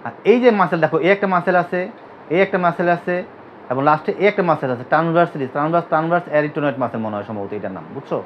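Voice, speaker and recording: An anatomy class is taught by a Bangladeshi physiotherapy teacher whose voice is on the high side, expressive, and rapid-fire. He drills his students with repeated questions, prompting them to say terms back. Slight background noise sits under the dull, lo-fi recording.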